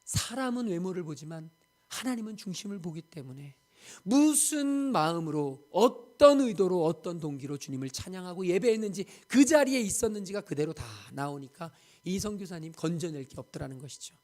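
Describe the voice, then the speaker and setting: A male pastor delivers a Sunday sermon in a church. His voice sits slightly high for a man. He tells the story vividly and throws himself into the quoted lines with emphatic swells. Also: expressive, moderate pace, a little mellow. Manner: dramatic storytelling, acting out quoted speech with emphatic rises. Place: church sanctuary.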